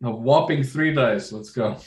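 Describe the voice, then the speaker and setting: A man playing a tabletop game who cracks deadpan jokes in character. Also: mid-range voice. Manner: joking, quick deadpan quips. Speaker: player. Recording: echoey room.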